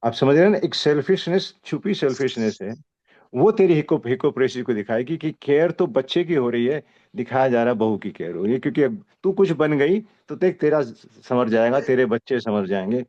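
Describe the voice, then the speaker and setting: An older man with a mid-range voice talks like a seasoned mentor, unhurried and kindly. He keeps checking that his listener follows him. The sound is muffled, like a video call. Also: medium pitch, expressive, a little mellow. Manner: fatherly, calls the presenter "beta", explains slowly with rhetorical checks. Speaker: senior homeopathy teacher giving feedback. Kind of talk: mixed Hindi-English teaching talk.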